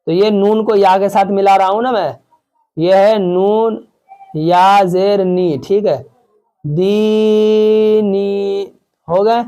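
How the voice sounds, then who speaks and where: Man teaching quran letters, slow drawn out syllables, asks then answers himself, pretty high voice. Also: fairly even intonation, mellow. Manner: patient, repeats questions and answers them himself. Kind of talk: spelling-out lesson with drawn-out syllables.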